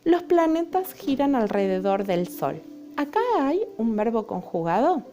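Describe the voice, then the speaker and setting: Lady teacher going through a recorded class, mellow voice, faint music under it. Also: a little high, very animated, a little slow. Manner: patient, explanatory, frequent checking "¿sí?". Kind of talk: recorded online lesson.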